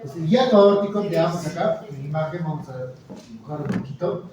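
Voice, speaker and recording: A man's voice: on the high side, animated, brisk, darkish tone, muffled recording, slight background noise. Man quizzing students in an echoey hall. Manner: quizzing, encouraging, frequent "muy bien" and "¿ya?". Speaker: anatomy lecturer. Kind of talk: classroom lecture with questions to students. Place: lecture classroom. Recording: echoey lecture hall, mic far off, students audible. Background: students murmuring and answering.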